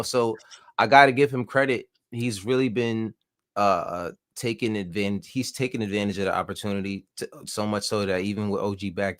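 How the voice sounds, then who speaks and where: A man co-hosting a casual basketball talk show, relaxed and rambling, full of "you know.". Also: fairly low pitch, no echo, studio quality. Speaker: co-host.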